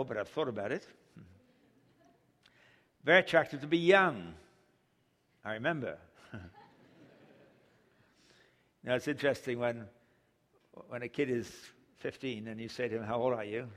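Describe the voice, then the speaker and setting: An older Englishman preaches a sermon full of funny stories, chuckling at his own jokes. His mid-range, fairly bright voice moves at a moderate pace with long pauses, and the recording carries a long hall reverb.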